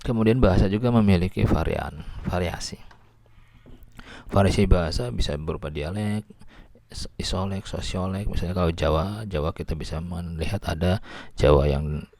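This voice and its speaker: Deep gravelly man giving a lecture. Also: moderate pace, darkish tone, a little hiss or hum. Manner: explanatory, repeats and restarts words. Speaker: linguistics lecturer. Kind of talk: recorded lecture.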